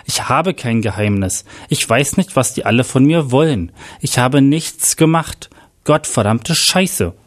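A man voicing a hot-tempered male detective under pressure in an audio crime story, speaking in curt, slow, clipped lines. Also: medium pitch, expressive, lightly acted. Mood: angry.

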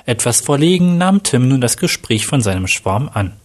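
Husky male storyteller reading aloud. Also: medium pitch, big pitch swings, moderate pace. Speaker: narrator.

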